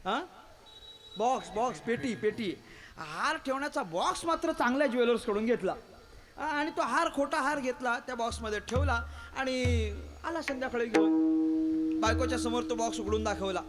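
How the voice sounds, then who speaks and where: A man's voice: extremely high pitch, normal speed, over music. A man with a Marathi accent preaching a devotional kirtan sermon, telling a story and acting out its characters' voices, asking the audience questions. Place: kirtan gathering hall.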